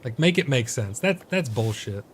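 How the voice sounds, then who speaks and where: A man's voice: medium pitch, lively intonation, normal speed, a little hiss or hum. A man giving casual gameplay commentary, often exasperated and swearing at his bad luck while crafting. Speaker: gameplay streamer.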